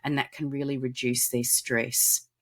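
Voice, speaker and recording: Casting: Australian woman, very deep voice, reassuring advice-giver. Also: little pitch movement, unhurried. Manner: reassuring, explains steadily. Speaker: animal communicator guest. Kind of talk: casual interview advice.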